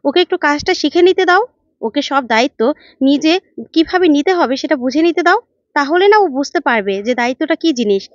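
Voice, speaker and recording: A woman's voice: high-pitched, expressive, brisk, dry recording. A woman voicing a level-headed young woman who pleads earnestly but firmly, in a dull, dry recording. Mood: pleading.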